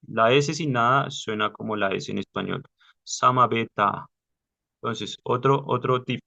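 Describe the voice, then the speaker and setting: A man leading a study class over a video call, explaining patiently step by step with many pauses. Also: fairly low pitch, creaky, fairly bright tone. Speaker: study group leader.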